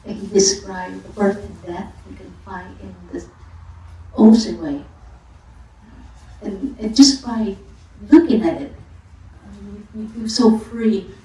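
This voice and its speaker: A woman giving a dharma talk as a Buddhist monastic teacher, speaking haltingly with frequent fillers and restarts. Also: medium pitch, mellow. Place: monastery hall during a retreat. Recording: echoey room from a distant mic.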